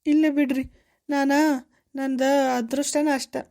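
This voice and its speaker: A woman's voice: high-pitched, flat delivery, takes it slowly, mellow. A woman voicing a devoted young village woman. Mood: tearful. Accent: North Karnataka Kannada. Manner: pleading, tearful, insistent. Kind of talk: cartoon voice acting.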